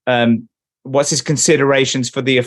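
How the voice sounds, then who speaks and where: A man's voice: medium pitch, steady tone, normal speed, dry recording. A man co-hosting a music podcast, rambling and reading lyrics aloud. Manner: rambling, restarts, reads out lyrics. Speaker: podcast co-host. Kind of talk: casual chat.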